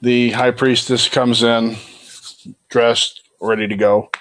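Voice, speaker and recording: A man's voice: mid-range voice, level tone, slow, a bit bright, low-quality recording. A man improvising narration as game master of a tabletop game in a casual style.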